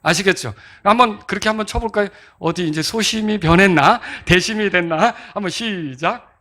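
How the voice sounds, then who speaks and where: A man preaching to his congregation about how hymns should be sung, stopping often to quiz his listeners and sound out beats himself. His voice sits high and carries a bright, ringing edge. He explains like a patient teacher at the pulpit. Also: moderate pace. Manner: interactive, asks congregation to clap and answer; sings out beats to demonstrate rhythm. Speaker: pastor. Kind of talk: sermon teaching on hymn rhythm.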